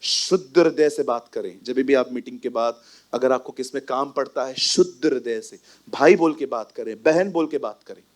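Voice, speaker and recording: A male pastor preaching a sermon in a church hall, animated and emphatic, often slipping English phrases into his talk. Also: mid-range voice, moderate pace.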